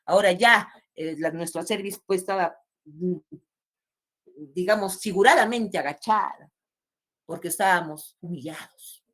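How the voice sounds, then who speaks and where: A woman's voice: on the low side, a little slow, pauses often, a bit bright. A woman teaching literature, explaining a poem line by line and answering her own questions. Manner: asks questions and answers them herself, explains word meanings. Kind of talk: classroom lesson explaining a poem.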